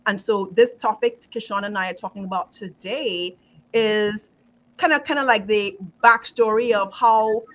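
A middle-aged Trinidadian woman with a Trinidadian accent, a leadership coach, talks reflectively over a video call in a casual podcast conversation, restarting as she searches for words. Her mid-range voice is fairly bright and moderately paced. She's in a home office with pictures on the wall, and the call audio is slightly dull.

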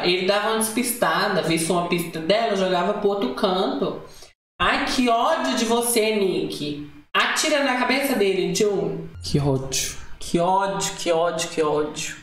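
A man's voice: high-pitched, measured pace, reverberant, faint music behind. A man with a Brazilian accent reacting to a TV episode as he watches, gasping and exclaiming at the scenes before chatting about the season. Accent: Brazilian Portuguese. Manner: excitable, gasps and exclaims at scenes. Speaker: reaction channel host.

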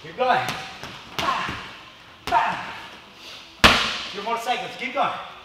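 A man's voice: sits high, expressive, slow, very noisy. A man coaching a kickboxing workout, exerting himself as he calls out punch combos like a boxing coach in short cues with punchy sound effects. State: exerting himself, breathy from exercise. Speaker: fitness kickboxing instructor. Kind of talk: workout class instruction, short shouted cues and encouragement. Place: large indoor martial arts studio. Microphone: far from the camera. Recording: echoey room, distant mic, music behind. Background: workout music.

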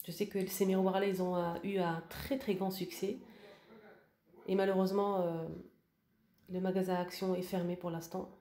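A woman's voice: fairly low pitch, flat delivery, moderate pace, dark tone, echoey room. A woman giving a casual home decor tour and showing her purchases, talking hesitantly with many fillers and restarts. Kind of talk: casual voice-over room tour.

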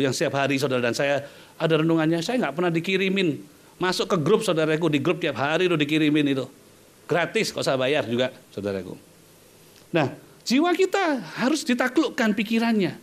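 A male pastor delivers a sermon in a church. His voice sits high and leaps widely, rising and falling as he calls out to his listeners. He tells stories in a chatty way, with playful asides. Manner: lively preaching, often calling out to listeners, playful asides.

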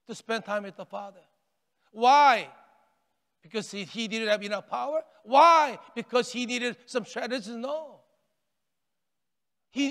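An older man preaching a sermon from a church stage, animated and gesturing, often dropping to a hush on key words and repeating phrases as he builds. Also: extremely high pitch, clear, resonant tone. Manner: animated preaching with wide arm gestures, rising and falling intensity. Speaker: pastor. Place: large church sanctuary, stage with pulpit. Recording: long reverb of a church hall.

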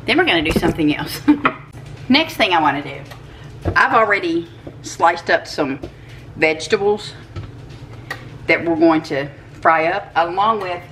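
An older woman hosts a home cooking channel, walking through a recipe in her kitchen in a homey, chatty way with soft laughs and fillers. Her voice is on the low side, animated and unhurried, with frequent pauses. A camera mic across the kitchen captures her from a distance, picking up background noise.

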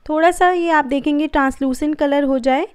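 A woman hosting a cooking channel delivers a calm, friendly voice-over walking through a recipe step by step. Her voice is high-pitched and her pace brisk.

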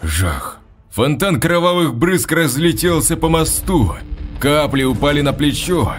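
A man's voice: fairly high pitch, a little slow. Brief: male audiobook narrator, dramatic reading, faint music underneath. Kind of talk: scripted narration.

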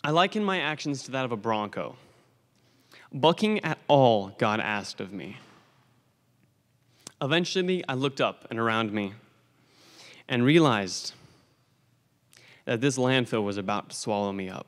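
A man's voice: medium pitch, expressive, unhurried, pauses often, fairly bright tone. Teen boy, commencement testimony, earnest storyteller, podium mic in a reverberant gym. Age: teens. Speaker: graduating student speaker. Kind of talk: commencement speech. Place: school gymnasium stage at a lectern. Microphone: podium microphone on a stand. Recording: long hall reverb from a large gym.

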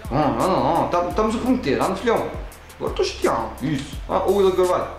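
A gaming channel host with a European Portuguese accent plays a football video game and commentates, very fast and excitable with a lively rising pitch. He talks at the game and the referee with frequent exclamations, in an echoey room with faint music behind.

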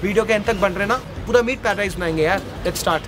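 Loud music plays behind this food vlogger, an Indian man in his thirties whose high voice runs a little fast. Out at a street food cart area, he hosts with excited exclamations, mixing Hindi and English.

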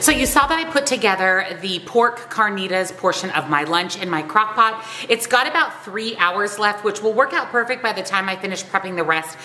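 A woman in her thirties chatting brightly through a cooking walkthrough in her home kitchen. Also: medium pitch, expressive, normal speed, hardly any pauses, soft background music. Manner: upbeat, chatty. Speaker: food vlogger.

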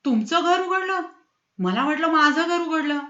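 Lady putting on a shouty cranky neighbour guy, bright edgy voice, kinda echoey. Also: very high-pitched, animated, normal speed, muffled recording, voice pushed up, exaggerated voice. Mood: indignant. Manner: shouting, indignant. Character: irate bare-chested middle-aged male neighbour.

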